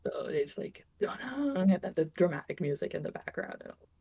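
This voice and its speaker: A woman's voice: on the low side, big pitch swings, normal speed, vocal fry, warm tone, breathy edge. A woman in her thirties from Venezuela, a game developer chatting casually on a livestream, laughing often and joking about herself.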